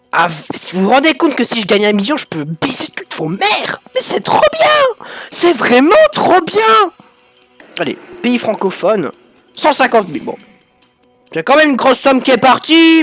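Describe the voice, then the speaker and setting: A man giving excitable, crude let's-play commentary as a gaming YouTuber, breaking into sudden shouted outbursts. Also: extremely high pitch, no room sound.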